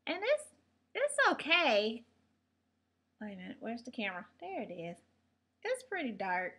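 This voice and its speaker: A woman with a bright, clear voice that sits a little high talks casually to her camera at home. She rambles cheerfully from one thing to the next as a shopping vlogger. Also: wildly swooping pitch, a little slow. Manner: chatty, rambling storyteller with laughs. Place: home room.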